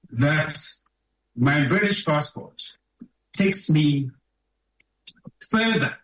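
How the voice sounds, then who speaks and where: A man's voice: mid-range voice, a bit bright. Emphatic man giving a speech in an echoey room. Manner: emphatic, asks the audience rhetorical questions. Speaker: conference speaker. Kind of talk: public speech. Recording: echoey room, distant from mic.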